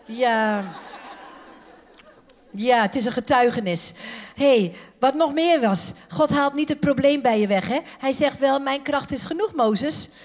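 A woman preaching a sermon at a women's conference, lively and joking, talking casually and acting out the people she quotes. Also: sits high, a little slow, long pauses. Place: church conference hall.

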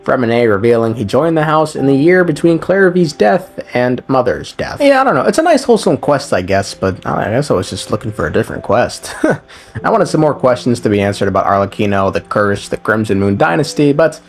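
Speaking fairly quickly and expressively at a medium pitch, a man delivers an offhand, mocking commentary recapping a game's storyline with foul-mouthed, irreverent jokes. The recording is a voiceover set against background music.

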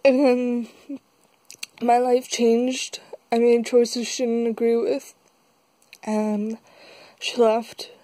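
A young woman talking haltingly in a confessional vlog, upset and tearful, as if she has just been crying. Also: fairly high pitch, little pitch movement, warm tone, no room sound, rough recording. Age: young adult. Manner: halting, slow, with long pauses. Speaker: vlogger. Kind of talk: confessional vlog, casual talk. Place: small dim room indoors. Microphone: phone held close.

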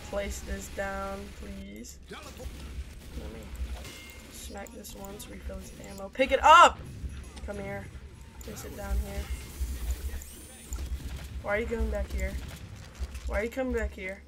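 A woman's voice: medium pitch, flat delivery, takes it slowly, gravelly, long pauses, music in the background. A woman doing rambling, chatty gameplay commentary, talking to her viewers as she plays. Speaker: gaming video creator.

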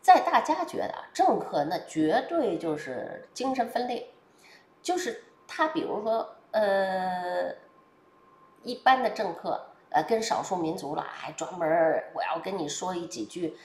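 Lively woman with a twang. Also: on the low side, a little slow, slight background noise. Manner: lively, chatty, colloquial, with frequent hesitations. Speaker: political commentator. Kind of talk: casual spoken commentary. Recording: roomy echo.

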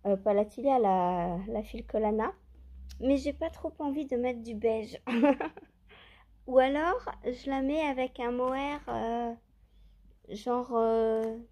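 Slow and mellow, her voice on the high side, a woman chats casually to viewers while picking yarns in her home stash. The knitting vlogger films on a handheld phone and thinks aloud hesitantly, leaning on many fillers and self-questions.

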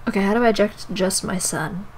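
A young woman giving casual, jokey commentary while she plays a video game, swinging from low mutters to sudden yelps. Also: quick pace, slight background noise, rough recording. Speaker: let's play gamer.

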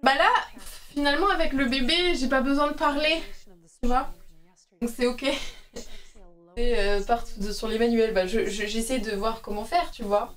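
High-voiced chatty woman, mic a bit far. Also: steady tone, normal speed, fairly bright tone. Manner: chatty and rambling, many fillers and asides to viewers. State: tired from night feedings. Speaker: streamer. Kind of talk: casual live-stream chat. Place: at home, doing yoga on stream.

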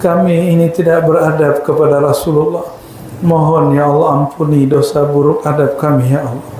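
A man leads a gathering in prayer with fervent, pleading supplications, repeating his invocations again and again. His voice sits a little high. The sound comes from a strongly echoing hall, with clear background noise behind him. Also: flat delivery, normal speed, dark tone. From Indonesia. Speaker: preacher leading a prayer. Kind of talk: sermon prayer.

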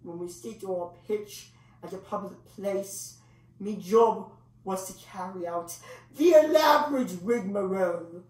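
In a mid-range voice, a woman performs a dramatic monologue as a grandiloquent old English male clown, pausing for effect as he tells his bittersweet tale. The microphone is distant and the room is echoey.

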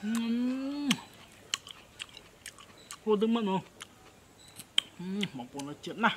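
An eating show host talks while chewing, with short murmured reactions between bites. The voice sits at an ordinary middle pitch. A clear layer of noise runs under the recording. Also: sing-song, takes it slowly. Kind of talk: casual mukbang chatter.

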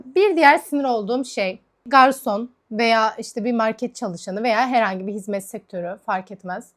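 A woman's voice: fairly high pitch, normal speed. A woman vlogger chatting casually while doing her makeup, ranting in a heated, frank way. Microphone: camera mic.

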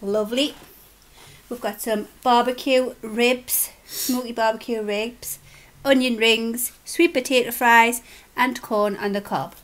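In her home kitchen, a mukbang vlogger with an English accent cooks, eats and chats away, slightly sniffly with a cold. The young woman's voice is a little high with fairly even intonation, and she takes it slowly.

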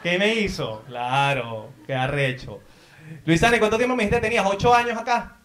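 A man's voice: high-pitched, lively intonation, brisk, a bit bright, roomy sound. Man, Venezuelan accent, stand-up crowd work, playful teasing, stage mic. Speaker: stand-up comedian. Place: theater in Madrid.

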